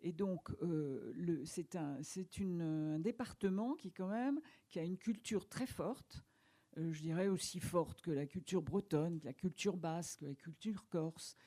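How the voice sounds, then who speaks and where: A woman with a lowish, mellow voice tells about her life in an unhurried conversation. She speaks standard French, pausing and restarting as she thinks. She sounds like a guest at a library talk. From France. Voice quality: hesitant, thoughtful, with many restarts. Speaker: author guest. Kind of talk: conversational interview.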